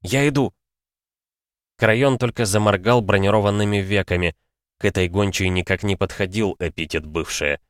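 A man narrating a fantasy audiobook in a measured, even storytelling manner. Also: fairly low pitch, no echo, studio quality.

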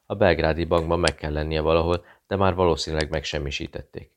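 A man's voice: extremely low pitch, steady tone, slight background noise. A man reading a nervous, secretive Serbian barkeeper who speaks in clipped, broken phrases. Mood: fearful.

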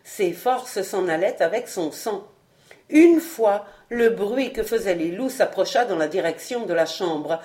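A woman reads a classic novel aloud for an audiobook. Her narration is measured and expressive, and her voice sits at a middle pitch. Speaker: audiobook reader. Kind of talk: scripted narration.

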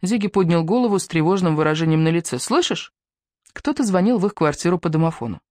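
A woman narrating an audiobook in an even, measured storytelling manner. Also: lowish voice, no echo, studio quality. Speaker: audiobook reader. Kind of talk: scripted narration.

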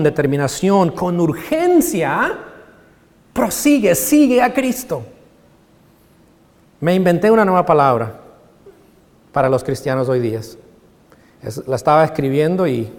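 A male pastor preaching a sermon with passion, swinging from hushed lines to loud exclamations. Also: mid-range voice. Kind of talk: Spanish-language sermon. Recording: long reverb of a large hall.

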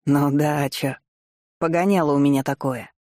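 A reader voicing a crude male outlaw exile in an audiobook, talking coarse slang and turning shrill when hurt. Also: fairly even intonation, moderate pace, darkish tone, no echo, clean studio sound, lightly acted. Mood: smug. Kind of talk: audiobook reading.

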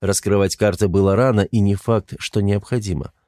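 Low, warm-voiced male audiobook narrator. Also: fairly even intonation, moderate pace, no room sound, studio quality. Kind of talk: first-person audiobook narration.

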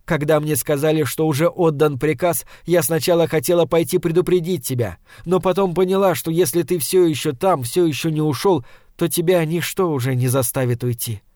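A composed, high-ranking woman in an audiobook, read by a man in a fairly high voice of his own. She reasons in a calm, measured way, and the reading is close and dry. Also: no echo, lightly acted. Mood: tender. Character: composed woman of high rank, cool, then tender.

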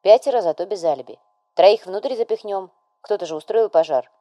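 A woman's voice: mid-range voice, animated, a little fast, warm tone, no room sound, highs cut off, lightly acted. Woman reading a male agent, cold, curt, clipped, storybook. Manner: terse and clipped.

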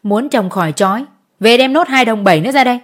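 A woman's voice: a little high, expressive, fast. A woman voicing a harsh male village chief who bullies a peasant. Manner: shouting, scornful.

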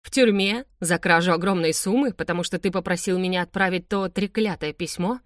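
A woman's voice: fairly low pitch, fairly quick, no echo, studio quality, close to an everyday voice. A woman voicing an angry young woman who hisses and snaps caustic reproaches. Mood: furious. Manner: hissing, caustic, shouting. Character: furious young woman, sharp and bitter.

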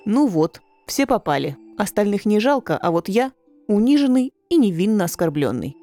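A woman voicing a gentle, wry young male servant telling a story. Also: medium pitch, big pitch swings, normal speed, soft background music, natural voice. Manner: wry, easygoing.

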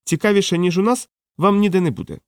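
A man's voice: high-pitched, fast, no room sound, studio quality, voice pushed up. A man voicing an eager, persuasive local man who is keen to recruit a programmer. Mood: enthusiastic. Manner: enthusiastic, insistent.

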